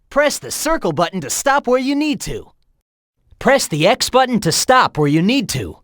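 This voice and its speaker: A man's voice: high voice, fairly bright tone, no room sound, clean studio sound. An actor playing a cocky young male hedgehog hero, giving breezy, upbeat tips in video game voice lines. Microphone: close studio mic.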